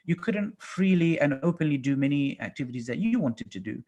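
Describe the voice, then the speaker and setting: A man's voice: a little high, expressive, fairly quick, a little mellow. A man in his thirties hosting a video call interview, asking friendly, upbeat questions over a headset. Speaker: host. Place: small indoor room.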